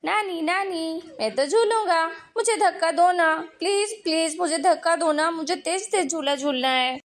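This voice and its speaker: A woman's voice: extremely high pitch, moderate pace. A woman voicing a little boy in a cartoon story who whines and begs to be pushed on a swing. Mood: pleading. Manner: pleading, whining, repeating himself.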